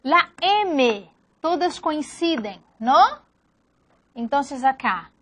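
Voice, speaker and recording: A woman's voice: high voice, expressive, extremely slow, fairly bright tone, a little hiss or hum. A woman teaching a phonetics lesson, patiently saying example words one at a time. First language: Portuguese. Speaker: language teacher. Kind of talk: slow phonetics lesson, reading word lists.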